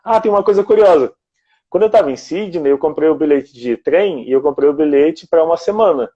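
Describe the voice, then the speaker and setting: A man's voice: a little high, lively intonation, brisk, warm tone, slightly rough, muffled recording. A man from Brazil in casual conversation as a guest, explaining things step by step in a reflective way.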